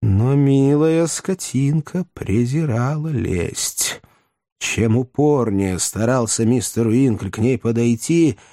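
A man narrating a classic comic novel with expressive, animated storytelling. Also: no room sound, studio quality. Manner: expressive, animated storytelling with wide pitch swings. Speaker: audiobook narrator.

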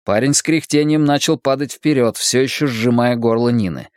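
Male audiobook reader, mid pitch, even delivery, very dry close recording. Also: moderate pace, no room sound. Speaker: audiobook narrator. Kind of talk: scripted fiction narration.

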